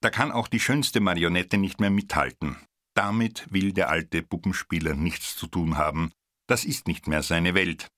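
A man reading a Christmas story aloud in a calm, measured way. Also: sits low, no echo. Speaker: narrator.

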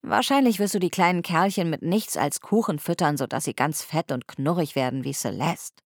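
A woman doing a calm, teasing young man. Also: low-pitched, normal speed, dry recording, studio quality. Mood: gentle.

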